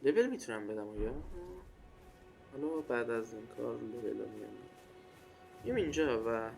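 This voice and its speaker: A man's voice: medium pitch, expressive, gravelly. A man giving casual, informal running commentary on a game, talking to himself and to his viewers. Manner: informal running self-talk, addressing viewers. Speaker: gaming video host. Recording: game music behind the voice. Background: loud game music.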